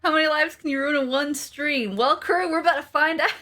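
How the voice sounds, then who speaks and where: Woman host, fairly high and crisp-edged bright tone, giggly casual banter, faint music underneath. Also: steady tone, brisk. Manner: jokey, giggly, mock-professional. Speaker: livestream host. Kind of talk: casual comedic livestream chat.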